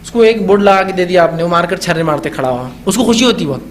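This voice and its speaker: A man's voice: high voice, quick pace, a little hiss or hum. A male Islamic preacher giving a conversational religious talk on parenting, often asking rhetorical questions and briefly acting out what parents say to children. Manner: acts out parents' voices when talking to children.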